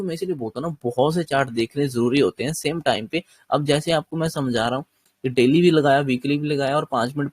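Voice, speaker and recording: A man's voice: on the high side, darkish tone, husky, no echo. A man with a slightly sore throat teaching a chart-based trading lesson, explaining step by step and often checking that listeners follow. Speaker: trading instructor.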